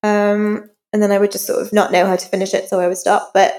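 She speaks fast in a medium-pitched, slightly mellow voice with little pitch movement. Appearing as an interview guest, she tells personal stories informally and conversationally, with self-deprecating humor. The recording has a long hall reverb.

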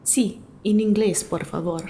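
A woman's voice: mid-range voice, fairly even intonation, slow, mellow. An actress playing a puzzled young female student in a scripted audio drama.

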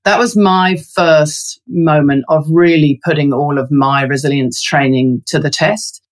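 This London-born resilience researcher, interviewed casually, has a low, steady, unhurried voice. Her talk is thoughtful and chatty, heavy with ums and fillers.

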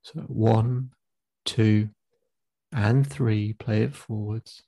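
A man acting as a therapist, leading a guided visualization exercise in a slow, calm, instructive way and counting the listener in. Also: lowish voice, no room sound. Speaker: therapist guiding a client.

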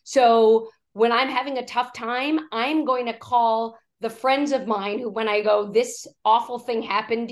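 Hoarse from a cough, a woman executive coach with a fairly high voice tells stories in a podcast interview, animated as she acts out quoted speech.

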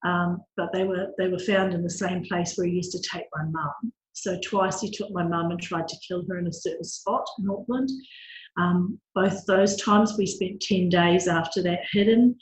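A woman's voice: fairly low pitch, steady tone, normal speed. Candid New woman in an echoey room. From New Zealand. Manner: candid, matter-of-fact storytelling. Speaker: guest. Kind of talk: interview.

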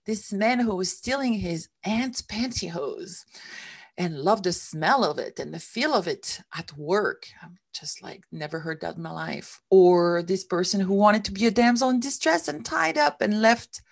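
With a gravelly, medium-pitched voice and lively intonation, a middle-aged Swiss woman speaks a little slowly while sharing her story in a candid interview. She is reflective, and her English shows some small non-native grammar slips.

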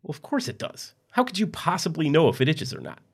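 A man voicing an injured husband who whines and panics, his voice jumping into high strained yelps. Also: sing-song, fast. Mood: whiny.

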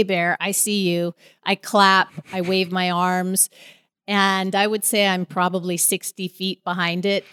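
A woman telling a personal story in a casual, animated way, with vivid retelling. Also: fairly low pitch, clean tone, no room sound. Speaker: storyteller guest.

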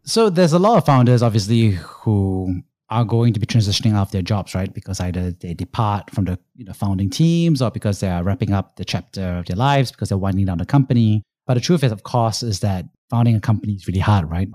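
A man's voice: fairly low pitch, expressive, fairly quick, mellow, no room sound, clean studio sound. A man hosting a podcast, asking his guest questions in an upbeat way. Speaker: podcast host. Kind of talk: podcast interview.

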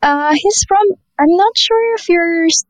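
A woman moderating an online audio room, briskly bringing audience members up to ask questions. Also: very high-pitched, dry recording, dull audio.

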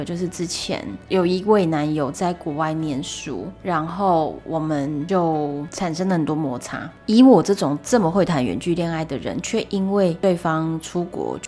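Chatty woman podcast host. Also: deep voice. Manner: chatty, animated storytelling with exasperated asides. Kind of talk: solo podcast storytelling.

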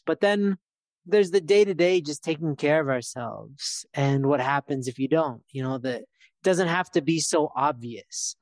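A man's voice: fairly high pitch, no echo, clean studio sound. A man in his thirties, co-hosting a podcast in casual chat, talking in a loose, reflective way with many fillers. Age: 30s. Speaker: podcast co-host.

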